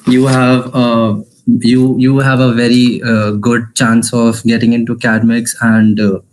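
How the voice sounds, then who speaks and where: A man in his twenties with an Indian accent gives an informal online talk as an alumnus. He speaks quickly, slips Hindi phrases into his English and often restarts his sentences. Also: medium pitch, monotone, a little hiss or hum, low-quality recording. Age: 20s. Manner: fast talker, mixes Hindi into English, frequent restarts. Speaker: alumnus giving a career talk. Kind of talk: informal online info session.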